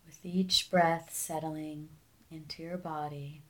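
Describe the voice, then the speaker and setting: A meditation teacher with a deep voice guides a meditation, speaking calmly, soothingly and without hurry as her phrases softly trail off. The audio quality is poor.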